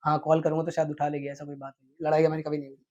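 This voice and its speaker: A man telling his own story in an interview, earnest and animated, acting out the quotes. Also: on the high side, racing. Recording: dull lo-fi sound.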